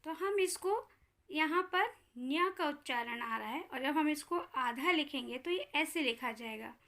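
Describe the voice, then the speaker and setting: A woman with a high, bright voice teaches young children, talking slowly and clearly. She puts questions to her pupils and answers them herself, sounding out each letter with care. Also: lively intonation. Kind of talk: Hindi grammar lesson for children.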